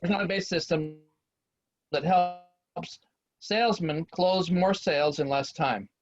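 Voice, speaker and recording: Man haltingly reading, on dull call audio. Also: on the high side. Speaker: workshop participant, sales trainer. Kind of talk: halting rehearsed introduction. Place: video call.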